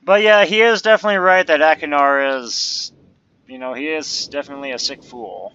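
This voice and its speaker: A man's voice: fairly high pitch, fairly quick, bright, forceful tone, clear, resonant tone. A man hosting a let's play, giving casual game commentary with wry, joking asides. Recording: dull lo-fi microphone with game music. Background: video game music.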